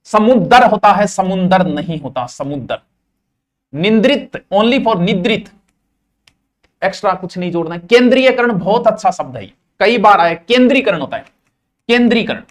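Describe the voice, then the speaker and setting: High-voiced grammar teacher. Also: male voice, lively intonation, normal speed. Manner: drills words by repeating them, playful and folksy asides. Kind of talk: classroom lecture.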